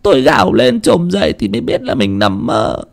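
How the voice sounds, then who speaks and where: A man voicing a grieving older village mother who tells of her daughter in a high, strained voice with wailing cries. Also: very animated, vocal fry. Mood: fearful. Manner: wailing lament with drawn-out cries.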